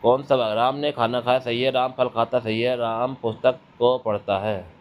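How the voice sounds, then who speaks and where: A man's voice: medium pitch, fairly even intonation, moderate pace. A man teaching an exam-prep grammar lesson, asking questions and answering them himself while repeating key terms. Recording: dull lo-fi recording with faint noise.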